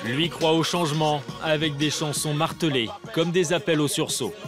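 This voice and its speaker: A man narrating a documentary in a measured, matter-of-fact way. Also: a little high, fairly even intonation, over music. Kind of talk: scripted narration.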